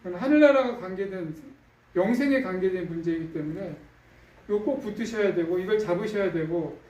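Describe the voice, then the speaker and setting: Male pastor, high voice, relaxed chatty preaching, recorded from a distance in a reverberant sanctuary. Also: fairly quick, highs cut off. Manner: conversational preaching with frequent fillers and tag questions. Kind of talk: sermon. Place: church sanctuary. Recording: echoey room, distant mic.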